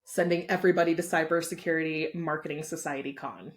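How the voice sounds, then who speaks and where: A woman guest in a casual interview, candid and quick to laugh. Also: deep voice. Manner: animated, candid, laughs freely.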